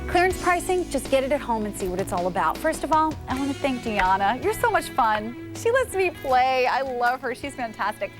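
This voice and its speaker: A woman's voice: sits high, very animated, normal speed, hardly any pauses, music in the background. Chatty woman selling on TV. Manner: chatty, enthusiastic, digressive. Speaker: shopping channel host. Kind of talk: live TV sales pitch.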